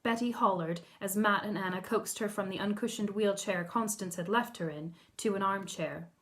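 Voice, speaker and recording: A woman author narrating her own novel in a measured, softly expressive reading. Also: mid-range voice. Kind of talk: audiobook narration.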